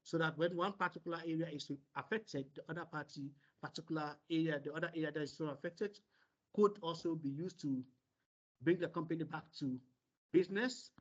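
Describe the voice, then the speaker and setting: A man moderating an online seminar over a video call, relaying questions and explaining in a halting way with many pauses. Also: on the high side. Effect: heard over a video call. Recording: dull lo-fi meeting audio.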